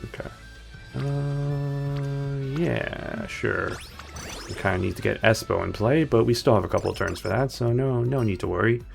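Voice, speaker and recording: A man's voice: medium pitch, unhurried, vocal fry. A man streaming a video game, chatting casually and rambling through his choices with playful asides. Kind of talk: casual gameplay commentary. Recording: background game music.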